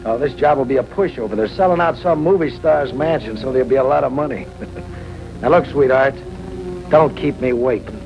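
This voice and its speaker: A man's voice: mid-range voice, normal speed, natural voice. Brief: male actor as cocky robber, 1950s television drama, bossy, muffled old soundtrack, prominent music behind. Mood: smug, commanding. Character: smug, commanding male stick-up crook. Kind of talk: 1950s TV broadcast drama acting. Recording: dull old TV soundtrack under loud music.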